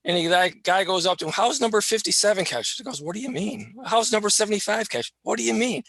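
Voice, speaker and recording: A man joining a casual club discussion, telling stories in an animated way. His voice is bright and somewhat high, with a gravelly edge. The sound is dry and close. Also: fast talker, no echo. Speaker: club member.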